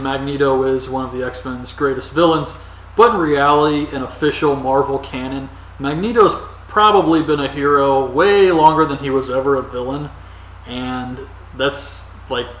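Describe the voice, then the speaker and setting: A man's voice: mid-range voice, a bit bright, echoey room, far from the mic, a little hiss or hum, low-quality recording. A man giving casual, opinionated solo commentary as a wrestling reviewer, rambling with frequent ums.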